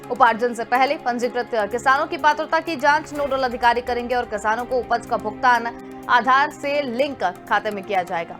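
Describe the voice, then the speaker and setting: A woman news anchor asking a correspondent questions and reading bulletin items. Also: high-pitched. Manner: reads bulletin items smoothly.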